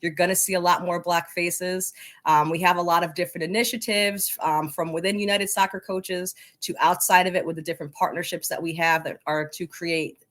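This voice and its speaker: A woman who leads a coaches' association is an interview guest, answering conversationally with enthusiasm and encouragement. Her voice is on the low side and a bit bright, with fairly even intonation and a slightly fast pace.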